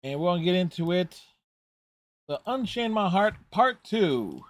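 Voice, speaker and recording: A man's voice: high-pitched, expressive, unhurried, no room sound. A man hosting a reaction video, giving casual, rambling, conversational running commentary on a TV show.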